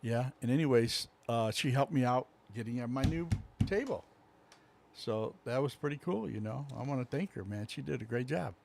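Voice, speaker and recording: Man, middle-aged, rambling easygoing chat, local talk show co-host, medium pitch. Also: normal speed, creaky, a little mellow, slight background noise. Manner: rambling, easygoing, many fillers. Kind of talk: casual chat.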